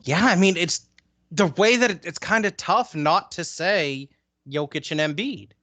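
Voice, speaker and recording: Co-host guy, kinda high voice, bouncy delivery, dry close mic, easygoing. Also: unhurried, bright, forceful tone, no echo. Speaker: podcast co-host. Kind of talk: casual sports chat.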